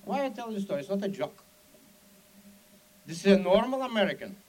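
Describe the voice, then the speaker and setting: With a high voice and a fairly quick pace, a Soviet-born speaker relates his story at an event. His English is broken and Russian-accented, his delivery animated and theatrical with emphatic side remarks. The recording quality is low.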